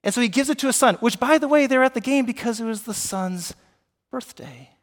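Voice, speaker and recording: A man delivers a sermon from the pulpit, lively and engaging, often turning to quiz the congregation. His voice sits high for a man. The sound carries a long reverb from the church sanctuary. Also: a little fast. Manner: animated, asks the congregation questions. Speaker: pastor.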